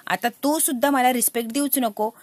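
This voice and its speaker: A woman's voice: sits high, steady tone, fairly quick, no echo, natural voice. A woman voicing an irritated young husband who scolds his wife and demands respect. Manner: scolding, exasperated.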